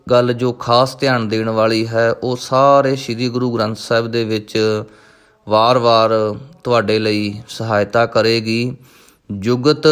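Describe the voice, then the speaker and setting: A man teaching the correct pronunciation of scripture, reciting each verse slowly and then explaining patiently. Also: mid-range voice, fairly bright tone, smooth.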